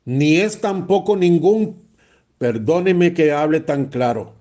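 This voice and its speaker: A man's voice: on the high side, lively intonation, takes it slowly, dark tone. A man, a priest preaching a blunt, emphatic sermon and repeating phrases for stress.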